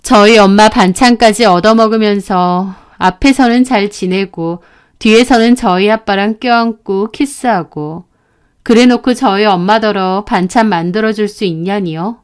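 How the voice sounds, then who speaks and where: A young adult woman narrating a scripted first-person story in a confiding, steady way. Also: mid-range voice, a little slow, clean tone.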